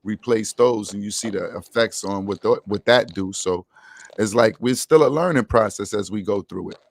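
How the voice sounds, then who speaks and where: A middle-aged man hosting a casual online chat over a video call, talking in a relaxed, slangy way. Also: on the low side, moderate pace, gravelly. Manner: relaxed, slangy everyday speech. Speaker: podcast host.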